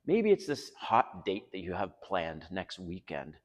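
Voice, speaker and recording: A low-pitched Canadian man in middle age hosts his personal vlog, unhurried, his pitch swooping wildly as he talks earnestly and swears without restraint. Though he's outside by a residential pool, it sounds like a big room.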